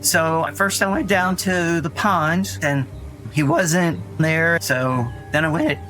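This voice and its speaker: Over background music, Dougie, a scared and earnest young boy, haltingly rambles through the story of how his brother disappeared. The voice is bright and on the high side, performed as naturalistic audio drama, and the recording is rough.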